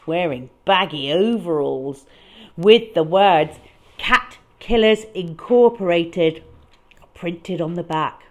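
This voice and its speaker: A woman reads a picture book aloud as a children's storyteller, her delivery dramatic and deliberate with emphatic stresses. Her voice is on the low side.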